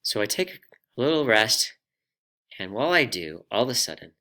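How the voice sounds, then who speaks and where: A man hosting a personal finance vlog, telling a story in an animated, self-deprecating way. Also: mid-range voice, normal speed. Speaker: vlog host.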